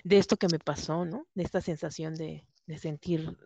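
A woman's voice: sits low, fairly even intonation, moderate pace, vocal fry, mellow, no echo. A woman with a Mexican accent chatting casually as a podcast co-host, telling stories and acting out what others said. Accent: Mexican Spanish. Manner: chatty storytelling that acts out quoted voices. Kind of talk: casual chat. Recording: dull lo-fi recording.

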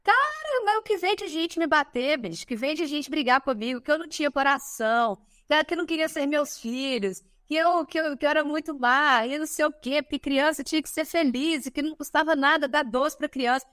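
On a podcast, a Brazilian guest in her thirties keeps things light and conversational, her pitch high and bright. Quick asides and little confirming tags pepper her lively speech, and the recording sounds close-miked and dry, free of any echo.

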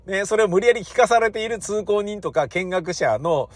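A man ranting, lively and self-mocking. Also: high voice, moderate pace, no echo. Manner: rambling, self-mocking rant. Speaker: entertainer hosting a monologue. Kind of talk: casual solo monologue.

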